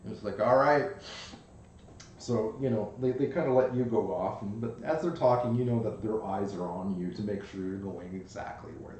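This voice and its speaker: A man's voice: lowish voice, a little fast, few pauses, warm tone. A man improvising narration as the game master of a tabletop role-playing game. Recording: very echoey room, faint noise.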